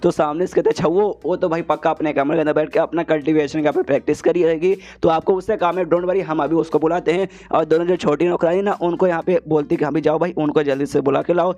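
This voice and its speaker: Man, quick pace, slightly high voice, casual story recap, chatty filler-heavy narration. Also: steady tone, darkish tone, dull audio. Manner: rapid conversational retelling, heavy filler phrases.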